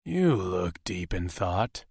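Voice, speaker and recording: A man voicing a big, protective male werewolf who speaks softly in a low, husky voice. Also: very animated, slow pace, no echo, clean studio sound, heavily acted. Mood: tender, gruff.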